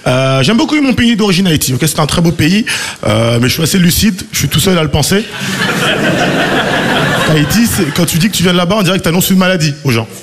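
A man's voice: sits high, animated, a little fast, a bit bright, a little hiss or hum. A man in his thirties from France, performing a self-mocking stand-up routine. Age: 30s. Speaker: stand-up comedian.

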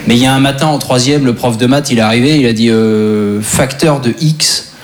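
A man's voice: medium pitch, fairly even intonation, fast talker. A young man with a French accent doing conversational, self-deprecating stand-up comedy on stage. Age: young adult. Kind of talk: stand-up comedy routine to a live audience. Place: comedy stage in front of an audience. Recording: live show with audience laughter. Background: crowd laughter.

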